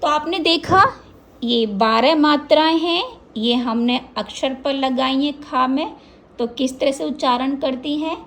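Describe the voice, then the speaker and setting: A woman teaching a lesson, drawing out each syllable in slow drills. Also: sits high, a bit bright.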